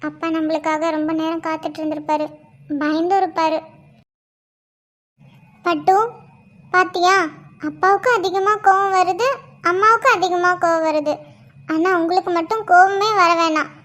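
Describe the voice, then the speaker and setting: A woman voicing a gentle young pregnant wife in a cartoon, talking softly and coaxingly. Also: very high-pitched. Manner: soft, coaxing talk to her unborn baby. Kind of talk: cartoon voice acting.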